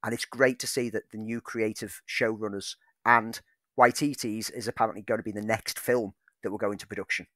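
A man's voice: on the low side, fairly even intonation, brisk, a bit bright, no room sound. Enthusiastic man on a film podcast. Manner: enthusiastic, reads news items then riffs. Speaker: podcast co-host. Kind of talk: casual film chat.

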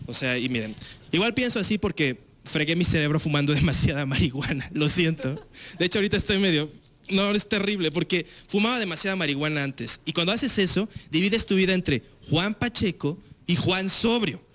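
On a television stage with a live crowd, a young Mexican man does relaxed stand-up in a Mexican accent. He speaks a little fast in a fairly bright, expressive voice on the high side. The routine is loose and slangy, peppered with filler tags.

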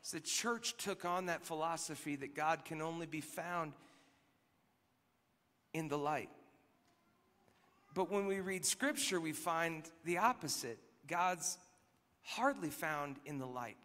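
A man speaks at a live worship gathering, storytelling in a loose, conversational way. His voice sits a little high, and he keeps slipping into soft, near-whispered lines. A long reverb trails each phrase, as in a big hall. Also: slow. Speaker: worship leader. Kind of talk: sermon-style storytelling.

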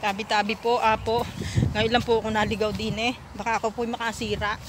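A woman's voice: fairly high pitch, little pitch movement, a little fast. A woman in her thirties giving a chatty, giggly selfie tour of a rural farm, talking to her viewers on a handheld phone outdoors. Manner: chatty, giggly, addresses viewers as "mga kablandi". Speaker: vlogger. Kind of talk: casual selfie vlog tour. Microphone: phone at arm's length. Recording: phone recording with outdoor noise.

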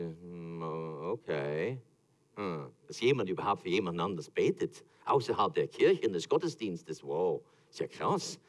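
A Swiss German-accented pastor delivers a sermon, telling stories with great animation and acting out quotes while laughing. His voice sits in the mid-range.

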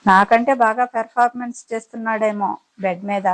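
A woman's voice: on the high side, fairly even intonation, fairly quick, natural voice, poor audio. A woman voicing a drunk, crude, pushy young man in a dramatized audiobook story, wheedling at first and then mocking. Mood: sneering.

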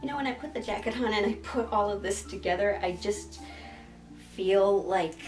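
A woman's voice: mid-range voice, moderate pace, music in the background. A young woman narrating and chatting casually as a hobby sewing vlogger. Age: young adult. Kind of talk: casual vlog narration and chat.

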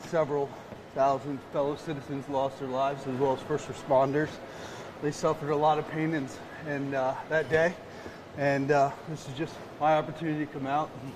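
A middle-aged man, a first responder, giving plain, halting interview answers while exercising in a gym. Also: fairly high pitch, little pitch movement. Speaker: crisis response team member being interviewed. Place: indoor gym, on a stair climber. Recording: noisy gym with machines behind.

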